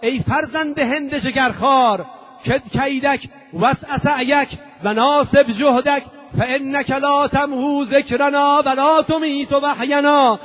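A fierce, grieving captive noblewoman hurls slow, raised declamations, as a high-voiced preacher puts her on. The sound is dull and lo-fi. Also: steady tone, fairly bright tone. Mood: defiant.

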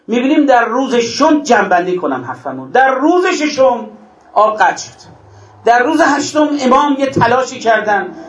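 A male preacher giving an impassioned mourning sermon, rising to exclamations and then dropping low. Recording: echoey hall.

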